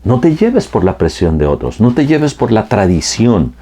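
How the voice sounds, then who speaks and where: Low husky-voiced preacher man. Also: big pitch swings, normal speed, mellow. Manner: earnest, addresses listener directly as friend; repetitive preaching cadence. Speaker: pastor. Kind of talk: sermon.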